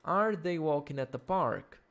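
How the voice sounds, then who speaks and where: A man's voice: on the high side, lively intonation, gravelly, fairly bright tone. A young man with a Brazilian Portuguese accent teaching an English grammar video lesson, explaining patiently and checking in often. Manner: slow, patient explaining with frequent check-ins.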